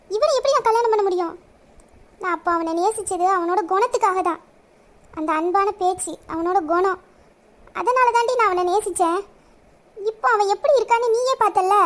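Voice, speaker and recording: A woman voicing a heartbroken, confused young village woman who speaks softly and hesitantly. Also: very high-pitched. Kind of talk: Tamil village audio drama.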